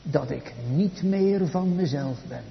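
Slow, solemn preaching man in echoey church. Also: gravelly. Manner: slow, solemn preaching with dramatic swells in pitch and volume. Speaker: pastor. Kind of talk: sermon. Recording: echoey church hall, dull sound.

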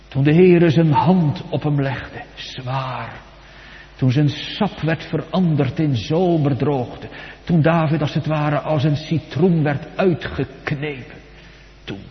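Male pastor, slow, solemn sermon cadence, swells and sinks, long church echo. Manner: solemn preaching cadence, swelling loud and high for quoted psalms, dropping low and soft. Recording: dull sound with long church reverb.

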